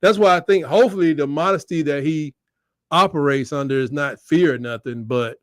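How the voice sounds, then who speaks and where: Folksy man talking sports, higher-pitched voice. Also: a little fast, fairly bright tone, no room sound, studio quality. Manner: folksy, joking, colloquial. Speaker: sports show co-host. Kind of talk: casual sports debate chat.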